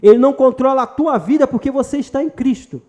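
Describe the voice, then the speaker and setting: A man's voice: extremely high pitch, quick pace, darkish tone. A man. He is emphatic but chatty, mixing jokes into his sermon and calling out directly to the congregation in front of him. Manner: emphatic and conversational, joking and addressing the congregation directly. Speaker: pastor. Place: church retreat hall.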